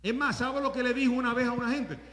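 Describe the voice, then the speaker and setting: A man pastor preaching a sermon in a conversational way, at times rising to shouts. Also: very high-pitched, quick pace, echoey room, big-room sound.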